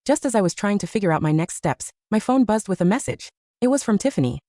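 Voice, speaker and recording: A woman narrating a first-person romance audiobook story in an expressive storytelling manner. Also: mid-range voice, fast, dry recording, studio quality.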